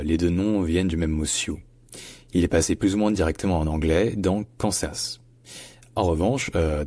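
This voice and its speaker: A man teaching pronunciation in a lesson, explaining carefully and repeating example words slowly. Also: low voice, darkish tone, no echo.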